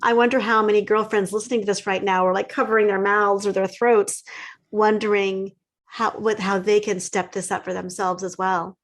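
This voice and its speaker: A woman's voice: medium pitch, little pitch movement, normal speed. A middle-aged woman co-host talking thoughtfully about her past use of her voice, thinking aloud in casual conversation. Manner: reflective, thinking aloud, with restarts.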